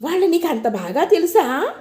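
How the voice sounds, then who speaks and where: A woman voicing a young married woman who is hurt and quick-tempered, speaking in an emotional, reproachful way. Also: extremely high pitch, very animated, darkish tone, voice pushed up. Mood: curious. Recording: echoey room.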